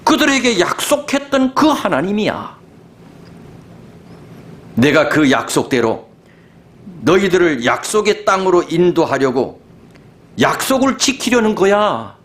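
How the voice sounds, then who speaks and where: A pastor voicing God, bold and commanding. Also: male voice, high-pitched, sing-song, measured pace, long pauses, fairly bright tone, pitched above the performer's own voice, heavily acted. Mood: stern. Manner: bold, emphatic, reassuring. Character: God speaking to a discouraged prophet, commanding.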